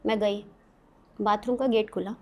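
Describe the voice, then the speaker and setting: A woman's voice: medium pitch, fairly even intonation, moderate pace, warm tone. A woman guest on a podcast, telling a frightening personal story in casual, dramatic bursts that build suspense. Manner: dramatic, suspenseful narration in short vivid bursts.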